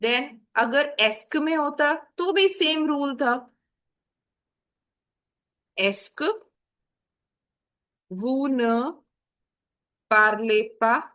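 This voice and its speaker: A woman's voice: high-pitched, very slow, long pauses, sharp tone. A woman teaching French grammar in a classroom-style explanation, patiently repeating example sentences in Hindi and English.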